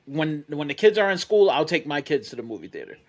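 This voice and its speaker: A man in his thirties on a podcast panel, telling a profane story with lively energy and acting out the other people's lines. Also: on the high side, fast talker. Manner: animated storyteller, profane, acts out quotes. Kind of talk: casual storytelling chat.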